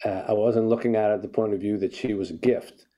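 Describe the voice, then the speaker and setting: A man's voice: lowish voice, fairly even intonation, fairly quick, dark tone. An older man, an author guest in a conversational interview, telling a story and reflecting, often restarting his sentences.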